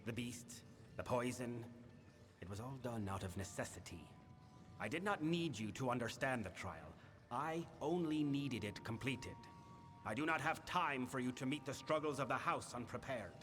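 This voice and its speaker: An actor playing a solemn, imperious Fae lord in a fantasy game, speaking in a grave, measured, formal way. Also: male voice, medium pitch, expressive, fairly bright tone, faint music behind, lightly acted. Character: solemn, imperious male Winter Fae lord of a failing house. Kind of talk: scripted fantasy game dialogue. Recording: long hall reverb, background noise.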